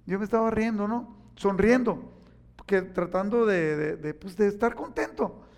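Hall reverb echoes around a man preaching in a high-pitched voice at a moderate pace. He tells his sermon stories with energy, voicing the quotes as little performances.

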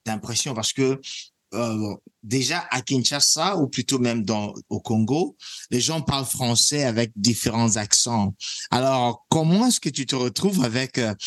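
A man's voice: medium pitch, dry recording. Male co-host, dry, direct. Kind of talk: interview.

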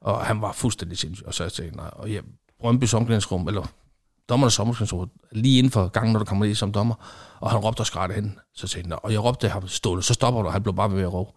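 A middle-aged man, a former football referee, telling lively anecdotes in conversation and acting out what people said. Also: fairly low pitch. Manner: animated storyteller acting out quoted exchanges.

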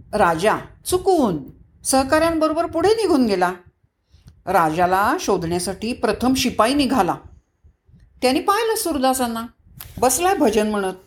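A woman telling a moral story to children, speaking lively and asking them questions that she answers herself. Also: mid-range voice. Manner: sings devotional verse slowly.

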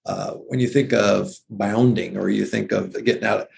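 A man's voice: lowish voice, steady tone, moderate pace, gravelly, darkish tone. A man who once taught anatomy, explaining muscles and breathing in a casual conversation with enthusiasm. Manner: enthusiastic, detail-heavy, lists muscle names. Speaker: former anatomy teacher, guest.

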